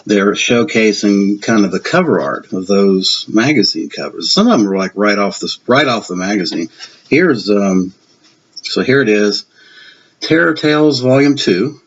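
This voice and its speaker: Showing off his film collection in a laid-back vlog, a man in his fifties or sixties from Virginia talks in a lowish voice with a Southern US accent, lively intonation, and an unhurried pace. He's talkative and self-deprecating, rambling a little, and the dull lo-fi audio has a faint hiss.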